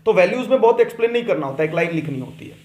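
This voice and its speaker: A male commerce teacher running an online class, with a voice pitched high for a man. He reads out case questions and keeps pushing students to answer. The sound carries a roomy echo. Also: animated, racing, a little mellow, dull audio.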